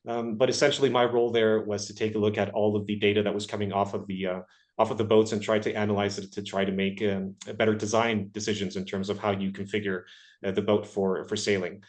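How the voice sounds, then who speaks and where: A man's voice: on the low side, level tone, fast. A man from Ecuador in his thirties, a research engineer answering interview questions at length, hesitant and full of filler sounds.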